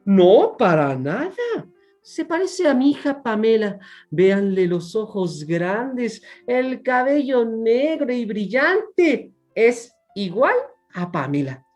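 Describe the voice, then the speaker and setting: A man's voice: extremely high pitch, big pitch swings, takes it slowly, a little mellow, soft background music, voice pushed up, full character voice. A man voicing a stubborn aunt who firmly insists on her opinion. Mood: insistent. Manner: firm, insistent.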